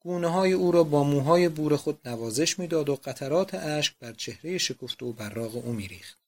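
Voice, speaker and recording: Male audiobook narrator, slightly high voice. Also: lively intonation, darkish tone.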